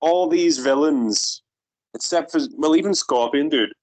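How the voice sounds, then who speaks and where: A man's voice: a little high, unhurried, darkish tone, dry recording, rough recording. A man co-hosting a podcast in a laid-back, casual chat, swearing freely, his voice run through a robot filter. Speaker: podcast co-host.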